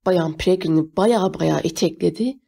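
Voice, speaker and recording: A woman reads a first-person novel aloud in a measured, steady voice. Her tone is mellow and warm, with a rounded, unhurried storytelling delivery. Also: on the low side, creaky, slightly rough. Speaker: audiobook narrator.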